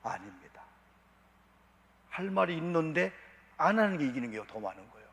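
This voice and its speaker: A man's voice: a little high, sing-song, normal speed, fairly bright tone. A man preaching a sermon as pastor, asking rhetorical questions with emphatic delivery. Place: church sanctuary. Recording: long church reverb.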